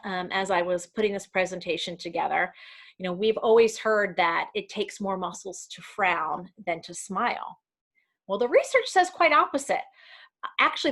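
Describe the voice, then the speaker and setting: A woman presents an online workplace training over a video call. She talks through her slides in a relaxed, conversational way, pausing on ums and correcting herself as she goes. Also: mid-range voice. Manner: casual, with frequent ums and self-corrections. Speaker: community education trainer.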